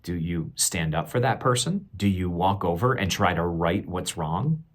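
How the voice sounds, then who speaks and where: This deep-voiced man reads a picture book to children like a teacher, deliberate and expressive, pausing now and then to pose questions to his young audience.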